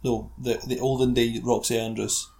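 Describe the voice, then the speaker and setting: A man's voice: mid-range voice, level tone, moderate pace, creaky, darkish tone. A man co-hosting a casual podcast, joking, swearing freely and reading listener letters aloud. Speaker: podcast co-host. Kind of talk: casual chat.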